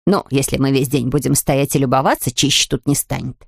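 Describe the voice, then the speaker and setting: A woman reading a storybook aloud and voicing a brisk, stern middle-aged housekeeper who grumbles in a firm, no-nonsense way. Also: rumbling low, fairly even intonation, creaky, husky, dry recording, clean studio sound, voice pushed down, full character voice.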